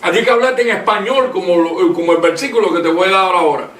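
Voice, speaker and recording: High-pitched male preacher, emphatic, reads verses slowly; distant mic in a roomy space. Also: a bit bright. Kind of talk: preaching in conversation. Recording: echoey room, mic at a distance, faint noise.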